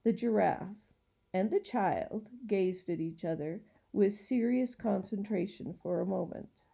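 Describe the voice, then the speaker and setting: A woman narrating a children's storybook in a gentle, unhurried reading style. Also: medium pitch, vocal fry, husky. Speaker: audiobook reader.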